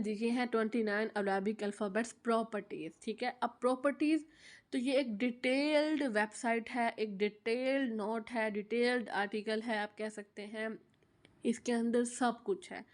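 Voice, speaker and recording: A young woman giving a casual, chatty how-to talk about teaching online, with frequent fillers and repeated phrases. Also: fairly high pitch.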